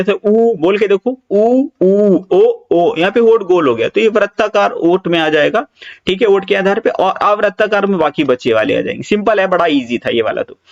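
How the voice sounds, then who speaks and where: A man's voice: sits high, highs cut off. A man teaching an exam-prep Hindi grammar lecture, explaining patiently, repeating key points and drawing out example vowel sounds, with casual reassuring asides.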